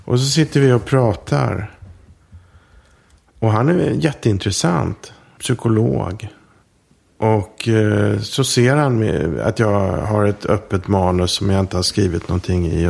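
A man, an author, talking in a relaxed interview and telling an anecdote in a reflective way. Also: lowish voice, gravelly, husky. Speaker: author guest. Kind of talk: casual interview talk.

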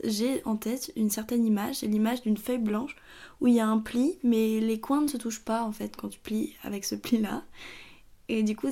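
A young woman hosting her own podcast, talking through her thoughts in a tired, halting way with many fillers and restarts. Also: fairly high pitch, dark tone. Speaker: podcast host. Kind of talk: casual personal monologue.

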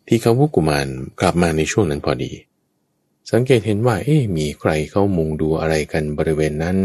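Low-voiced man telling a scripture tale. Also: a little mellow, no room sound, clean studio sound. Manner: addresses listeners directly, chatty asides. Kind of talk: storytelling Dhamma talk.

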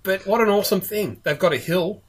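Man, husky, enthusiastic, laughs often, podcast co-host. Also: high-pitched, brisk. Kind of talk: casual chat.

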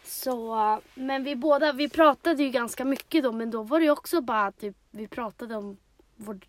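A young woman from Sweden, co-hosting a podcast, speaking hesitantly and softly in casual chat. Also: sits high, dry recording. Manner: hesitant, soft-spoken, lots of fillers. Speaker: podcast co-host.

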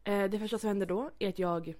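A woman's voice: mid-range voice, fairly even intonation, darkish tone. Chatty young woman telling stories. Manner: chatty storytelling, acts out quotes, many fillers. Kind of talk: casual chat.

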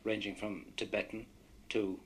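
An Irishman whose first language is Irish appears as a guest on a radio discussion, recalling his own experiences in rambling anecdotes. His voice is on the low side, flat and moderately paced, with slight background noise.

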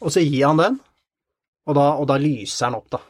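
A man telling a story in an interview, halting and repeating words with many fillers. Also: on the high side, lively intonation, no echo, studio quality. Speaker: interview guest. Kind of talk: conversational storytelling.

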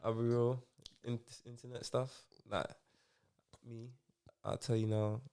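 A man's voice: mid-range voice, flat delivery, measured pace, mellow, clear, resonant tone. A man with a London roadman accent chatting casually in slang as an interviewed footballer, laid-back and full of tag questions. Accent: London roadman, multicultural urban London. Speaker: footballer being interviewed as podcast guest.

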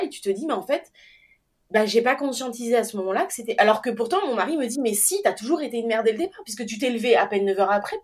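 Animated woman telling a personal story. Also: fairly high pitch. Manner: animated, acts out quoted dialogue, laughs often. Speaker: guest telling her birth story.

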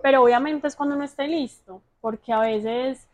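A woman's voice: sits high, normal speed. A woman, hosting a podcast interview, who asks questions and reflectively sums up what her guest says. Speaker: podcast host. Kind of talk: conversational interview.

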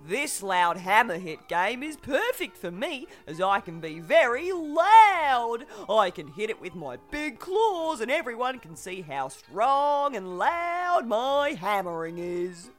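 A woman putting on a big-clawed crab, brash and loud in a storybook. He booms about how strong he is. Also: big pitch swings, slow pace, few pauses, soft background music. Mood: boastful. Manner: brash and booming. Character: loud, boastful male crab.

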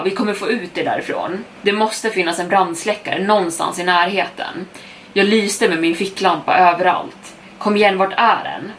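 A young adult woman narrates a first-person horror tale in steady storytelling mode. Her voice sits on the lower side, and she picks up speed through the tense stretches. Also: a little hiss or hum. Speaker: podcast storyteller.

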